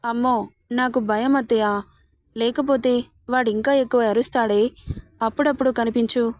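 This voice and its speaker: Innocent little village bride, high and plain, read by a woman, dry sound. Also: fairly even intonation, normal speed, no room sound, natural voice. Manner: innocent, pleading. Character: naive young village bride, childlike and tearful.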